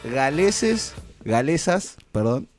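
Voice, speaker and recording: A man's voice: on the high side, very animated, slow pace, music in the background. A man with an Argentine Spanish accent co-hosting a casual, bantering radio chat. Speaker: radio co-host. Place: radio studio.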